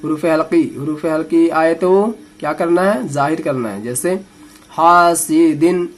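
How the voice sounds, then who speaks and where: A man teaching Quran reading, slowly spelling out syllables letter by letter and then explaining the rules in quicker asides, with an Indian Urdu-Hindi accent. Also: fairly high pitch, a little mellow. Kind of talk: slow letter-by-letter recitation lesson.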